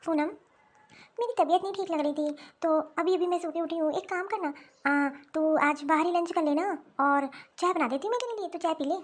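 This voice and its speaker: A woman's voice: very high voice, brisk. Grumbling older mother-in-law. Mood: pleading. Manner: complaining, grumbling to herself. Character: tired older mother-in-law, overworked, self-pitying. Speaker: voice actor. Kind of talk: Hindi cartoon dialogue.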